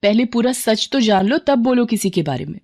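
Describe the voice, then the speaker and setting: A woman's voice: on the high side, sing-song, normal speed, darkish tone, pitched above the performer's own voice. A woman voicing a sensible young village woman who speaks earnestly and firmly. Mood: angry. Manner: earnest, firm.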